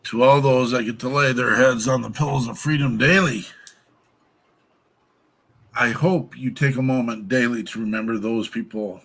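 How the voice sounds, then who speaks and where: A man hosting a talk show, chatting reflectively and often pausing mid-sentence. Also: mid-range voice, a bit bright, rough recording. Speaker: show host.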